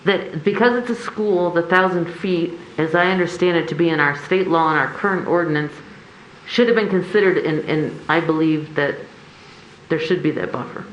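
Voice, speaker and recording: A woman's voice: deep voice, moderate pace, dull audio. A woman explains things earnestly through a face mask as a commissioner at a public meeting. The room is echoey, with faint noise behind her. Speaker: planning commission member.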